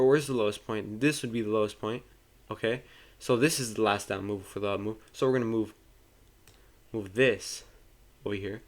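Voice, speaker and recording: A man giving a casual screen-share trading lesson, talking loosely, often restarting and correcting himself, and speaking to viewers informally. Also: mid-range voice. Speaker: trading tutor.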